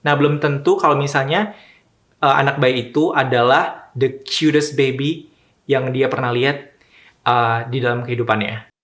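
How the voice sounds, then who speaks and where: A young man from Indonesia talks through a casual home vlog, chatty and slangy, sprinkling in English words and hesitating now and then. His voice sits at an ordinary middle pitch. The room around him rings with a noticeable echo. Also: steady tone, moderate pace, a bit bright. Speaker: vlogger. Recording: roomy echoey room.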